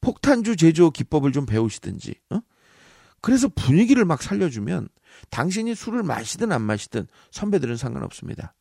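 A man who is a professor and speech coach gives a lively, teasing talk full of rhetorical questions and puns. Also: on the high side, fairly quick, vocal fry, slightly rough, no room sound, studio quality. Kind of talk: lively talk-show lecture.

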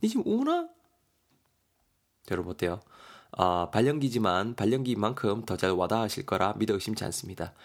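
A man's voice: on the low side, fast. A man, teaching English vocabulary in a playful, jokey online lesson.

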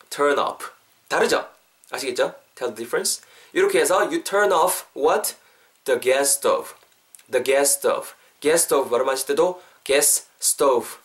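A young man hosting a podcast English lesson, explaining phrases and then repeating them slowly for listeners to drill. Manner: lively, upbeat coaxing with sudden pitch lifts. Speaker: English teacher podcast host.

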